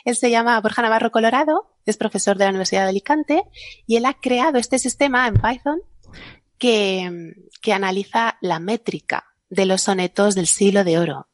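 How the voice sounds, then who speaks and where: Woman, podcast guest, animated, laughs often, dry close sound. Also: mid-range voice, normal speed, dry recording. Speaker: guest researcher. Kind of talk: casual explaining on a podcast panel.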